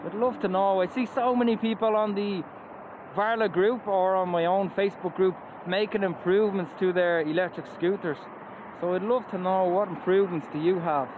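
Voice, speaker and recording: This is casual ride-along commentary from an enthusiastic scooter reviewer from Ireland, speaking with an Irish accent while on a moving electric scooter by the road. He wears a helmet and mask, his voice is high, and the phone-quality recording picks up traffic and wind.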